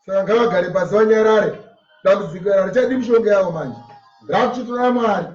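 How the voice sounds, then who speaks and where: With faint music behind him, a man with a Zimbabwean Shona accent preaches emphatically, repeating phrases as he expounds scripture line by line. His voice sits high and moves at a quick pace. The mic is distant, and the room sounds echoey and muffled.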